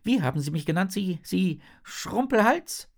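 A small, quarrelsome flute fish squeaks and shrills in a high, jumpy voice. The fish is indignant and scolding. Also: male voice, expressive, moderate pace.

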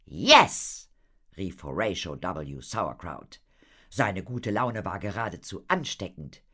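Deep-voiced, slow, lively woman narrator. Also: husky. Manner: expressive, lively reading. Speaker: audiobook narrator. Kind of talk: storybook narration.

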